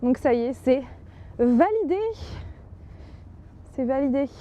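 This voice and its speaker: A woman's voice: on the high side, unhurried, narrow, tinny audio. A woman narrating a casual travel vlog in a chatty, enthusiastic way, with many fillers. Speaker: travel vlogger.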